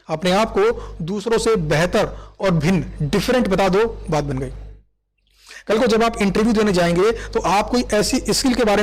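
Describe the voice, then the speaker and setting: A man giving a recorded commerce lecture, explaining with everyday examples and acted-out quotes. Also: high voice.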